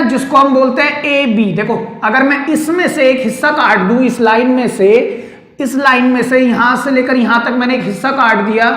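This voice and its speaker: A man's voice: extremely high pitch, fairly bright tone. Male maths teacher lecturing at a board, asking and answering his own questions, in a roomy space. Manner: keeps checking understanding with quick questions; asks students' questions and answers them himself. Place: room with a board.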